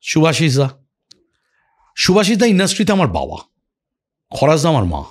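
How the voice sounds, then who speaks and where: A man tells stories in a relaxed interview, reminiscing about his career. His voice sits at a middle pitch with a husky edge, and he acts out the lines he quotes. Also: normal speed. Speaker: actor as podcast guest. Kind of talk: casual storytelling interview.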